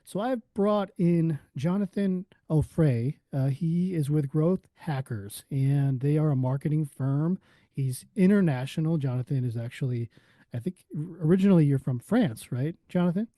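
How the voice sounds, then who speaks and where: A man's voice: a little high, normal speed, mellow, no echo. A man hosting a business podcast, asking friendly, conversational questions. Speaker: podcast host.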